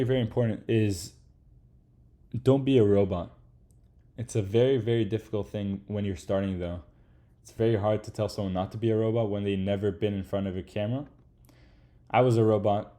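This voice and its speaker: A man giving casual, slangy advice to aspiring creators in a relaxed lecture, swearing now and then and tossing in "like" and "right?". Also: on the low side, a little fast, pauses often. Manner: laid-back, slangy, swears casually, peppers speech with "like" and "right?".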